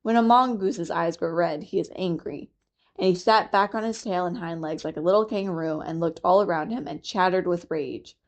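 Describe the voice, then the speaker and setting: A woman with a low, calm voice reads a classic children's story aloud for a library. Her delivery is steady and clear, in an unhurried storytelling manner. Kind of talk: audiobook reading of a children's classic.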